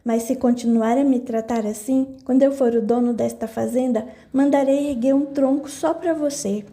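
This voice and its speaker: A woman's voice: sits high, fairly even intonation, moderate pace, warm tone. A woman voicing a cruel, scheming male farm foreman who mocks and threatens in an audiobook. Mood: mocking. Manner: mocking, ironic.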